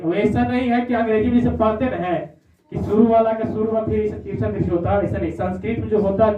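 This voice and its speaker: A male teacher, speaking in a fairly high voice. He repeats his points and checks in with his students as he goes. The sound is thin and phone-like, picked up from a distance in an echoey room. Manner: repetitive, checks in with "है ना?". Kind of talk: classroom lesson. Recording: echoey, far-off, phone-like audio.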